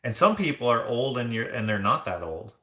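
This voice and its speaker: A man's voice: medium pitch, big pitch swings, fairly quick, pushed and bright, reverberant. A man hosting a casual live vlog, chatting loosely and rambling with many fillers and restarts as he reads viewer comments. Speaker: vlogger.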